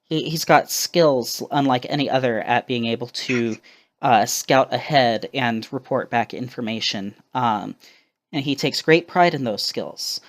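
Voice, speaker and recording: Very deep-voiced woman game master. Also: measured pace. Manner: hesitant, full of ums and small laughs. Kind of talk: narrating a tabletop game.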